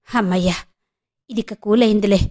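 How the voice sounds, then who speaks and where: A woman's voice: medium pitch, steady tone, normal speed, darkish tone, natural voice. A woman voicing a fretful old grandmother. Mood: anxious. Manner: worried muttering to herself. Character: older grandmother, anxious and fretful.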